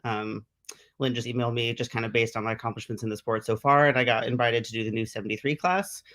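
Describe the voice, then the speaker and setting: A man, a strength athlete, talking as a guest on a casual video call interview in a relaxed, matter-of-fact way. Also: medium pitch, quick pace. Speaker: pro strongman athlete, guest.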